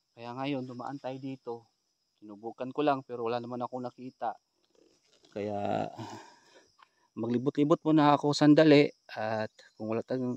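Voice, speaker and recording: A man narrates a ghost hunt in a low, hushed voice, speaking straight to his viewers. His pitch sits in the middle of the usual range for a man. He talks while walking outdoors at night. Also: dry recording, lo-fi sound. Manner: low, subdued voice, addressing viewers as idols. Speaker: ghost-hunting vlogger.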